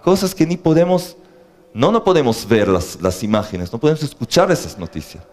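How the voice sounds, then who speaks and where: A man's voice: medium pitch, moderate pace. A man teaching a lesson on faith to a live audience, asking them questions and joking between his points. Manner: animated, asks the audience questions, jokes. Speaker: religious teacher.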